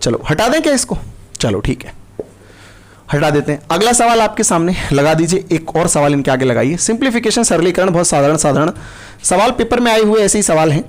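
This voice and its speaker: A man's voice: high voice, animated, fairly quick. A man teaching a live online maths class, patient and coaxing, repeating each step and checking that his students follow. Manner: addresses students as kids, coaxing.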